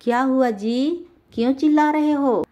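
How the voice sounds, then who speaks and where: A woman voicing a greedy village wife who wails and laments in high, loud cries. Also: unhurried. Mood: alarmed, wailing.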